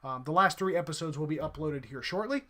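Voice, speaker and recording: A man hosting a podcast with a slightly higher voice, chatting loosely. He rambles, filling gaps with ums and uhs. His speech stays relaxed and informal. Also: fast. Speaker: podcast host. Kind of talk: casual chat.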